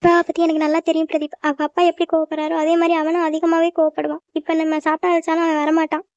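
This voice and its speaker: A woman's voice: extremely high pitch, completely flat delivery, quick pace, a little mellow, dry recording, dull audio. A woman voicing a worried, tearful mother in a cartoon, pleading with her family.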